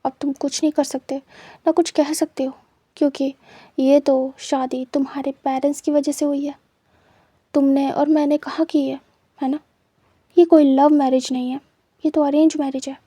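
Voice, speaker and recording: A woman voicing a menacing, possessive young man who gloats and threatens in a quiet, low voice for a storybook reading. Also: flat delivery, moderate pace, pauses often, dry recording, lightly acted. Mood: gloating.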